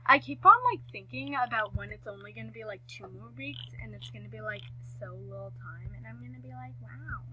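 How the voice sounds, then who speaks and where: A woman's voice: medium pitch, a little fast, hardly any pauses, low-quality recording. A woman chatting casually over her gameplay, rambling and often correcting herself mid-sentence. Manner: rambling, self-correcting, many fillers. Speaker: gaming vlogger.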